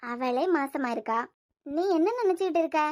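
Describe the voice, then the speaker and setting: A woman voicing a nosy, nagging aunt with a very high voice. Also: animated, normal speed, a little mellow. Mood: prying. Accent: Kanyakumari Tamil. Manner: nagging, blunt. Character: nosy older aunt, blunt and prying. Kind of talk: cartoon voice acting.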